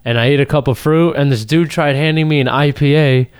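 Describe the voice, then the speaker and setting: A man's voice: a little high, fairly even intonation, a little fast, clean tone, no room sound, clean studio sound. A young man co-hosting a podcast, telling casual stories in a slangy, sweary frat-bro manner. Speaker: podcast co-host. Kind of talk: casual banter and storytelling.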